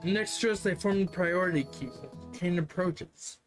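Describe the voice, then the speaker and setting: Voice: mid-range voice, moderate pace. Live-stream game narrator; wry, muttering asides, faint music under the voice. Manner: sarcastic, swears and mutters asides. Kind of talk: live game read-through with commentary.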